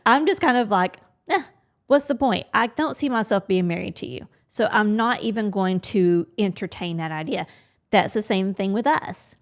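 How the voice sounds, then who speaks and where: A woman's voice: mid-range voice, lively intonation, moderate pace. A woman co-hosting a podcast, talking frankly and thinking aloud in a candid chat. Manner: frank, chatty, thinking aloud with quoted inner thoughts. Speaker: podcast co-host.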